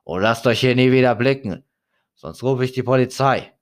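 A man's voice: medium pitch, unhurried, pitched above the performer's own voice, close to an everyday voice. A man voicing a grim, hostile middle-aged neighbor in a horror story, barking his lines angrily. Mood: furious.

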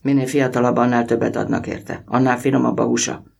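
A man reading a storybook voices a quiet, sorrowful middle-aged railway worker and father who speaks softly and slowly. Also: mid-range voice, fairly even intonation, creaky, breathy edge, distant mic. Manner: soft, slow, heavy-hearted.

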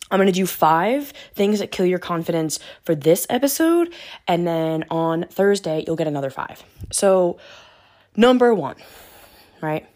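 A woman's voice: on the low side, darkish tone. A woman hosting a motivational podcast, talking in a peppy, emphatic, casual and slangy way. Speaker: podcast host and confidence coach.

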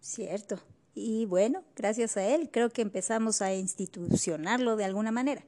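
A woman's voice: medium pitch, moderate pace, mellow. A woman, co-hosting a casual history chat and chiming in with questions and wry jokes. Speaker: podcast co-host.

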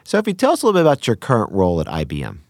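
A man hosting a business podcast, reading a measured, formal introduction and then interviewing his guest. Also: on the low side, wildly swooping pitch, darkish tone, no room sound. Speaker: podcast host.

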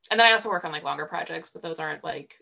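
A woman's voice: low-pitched, very fast, gravelly, pushed and bright. A woman chatting casually as a podcast guest, laughing often as she talks. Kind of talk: casual chat.

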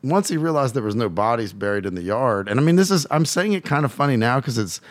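A man's voice: mid-range voice, lively intonation, fast talker, no room sound. A man from Louisiana, a podcast guest who coaches fathers, telling a personal story bluntly and swearing freely. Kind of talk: candid storytelling.

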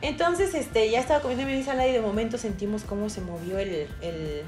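A woman's voice: on the high side, a little fast, roomy sound, faint music behind. A young Mexican woman with a Mexican Spanish accent, co-hosting a casual podcast and telling a dramatic personal story with lots of fillers and acted-out quotes. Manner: animated storyteller, acts out shouted quotes, many fillers. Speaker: podcast co-host.

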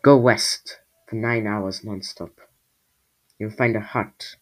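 A man voicing a timid small creature in a storybook reading, with a hushed, shaky delivery. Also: lowish voice, lively intonation, takes it slowly, creaky, breathy edge, exaggerated voice. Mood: firm. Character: timid young creature, shaky then firm.

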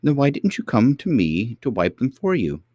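A man voicing a kindly, very old queen who is the girl's great-great-grandmother, speaking gently and patiently. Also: medium pitch, very animated, normal speed, no room sound, muffled recording, pitched above the performer's own voice. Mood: gentle.

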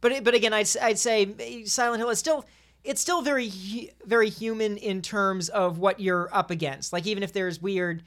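As a panelist on a podcast debating games, a woman chats casually in a medium-pitched voice with fairly even intonation at normal speed. She often repeats words and restarts phrases while arguing her point.

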